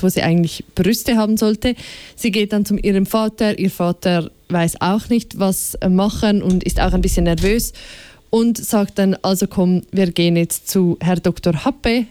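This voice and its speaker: A woman reading a children's book aloud in a clear, even storytelling manner. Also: mid-range voice, no room sound. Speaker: reader.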